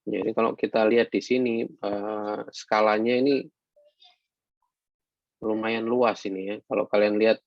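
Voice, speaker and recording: A man with a low, gravelly voice gives a lecture, pausing often and filling gaps with hesitant sounds. He slips into read-out English phrases now and then. The sound is dull and lo-fi, in a dry room with no echo. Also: level tone. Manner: halting, many fillers, mixes in read English phrases. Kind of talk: online lecture.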